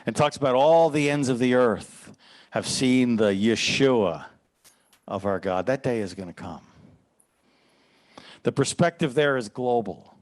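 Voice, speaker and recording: A man's voice: medium pitch, a little slow, pauses often, darkish tone. A man preaching as a pastor, teaching earnestly and quoting scripture in a sermon.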